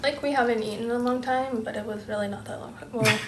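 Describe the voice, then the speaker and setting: A woman co-hosts a relaxed chat over dinner, speaking with animated, emphatic speculation in a slightly high voice. She sits a little back from the microphone in an echoey room. Steady background noise and the sizzle of cooking run underneath her. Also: fast, distant mic. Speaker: co-host. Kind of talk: casual chat over a meal. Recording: echoey room, noisy, off-mic.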